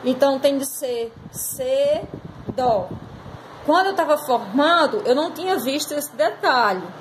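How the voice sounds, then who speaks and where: A woman's voice: sits high, lively intonation, moderate pace, a little hiss or hum, rough recording. A woman teacher going over a class exercise, patiently explaining step by step and drawing out words. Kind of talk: recorded class lesson correcting exercises.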